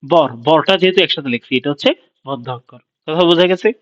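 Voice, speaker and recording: A man's voice: a little high, a bit bright, no echo, dull audio. A young man casually tutoring a friend, sounding out syllables and often checking that he follows. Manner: informal, repeats and sounds out syllables slowly, keeps checking understanding. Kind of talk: casual one-on-one explanation.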